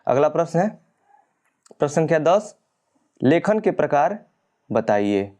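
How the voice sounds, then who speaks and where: A man's voice: on the high side, big pitch swings, unhurried, warm tone. A male teacher steadily working through exam questions and answers, explaining each point and correcting printed mistakes. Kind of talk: exam-prep lesson reading questions and answers.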